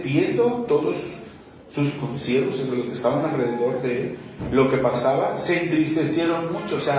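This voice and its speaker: A man's voice: fairly high pitch, a little mellow, distant mic. A man preaching a sermon as pastor, reading scripture and pressing the listeners with repeated rhetorical questions. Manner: emphatic, asks the congregation rhetorical questions and repeats key phrases. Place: church hall. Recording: very echoey hall, voice from off mic, faint background noise.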